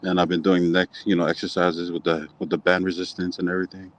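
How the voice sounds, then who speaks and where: A young man from Hawaii answering interview questions casually in a calm, nonchalant, understated way. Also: sits low, fast. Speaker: slap fighting athlete being interviewed.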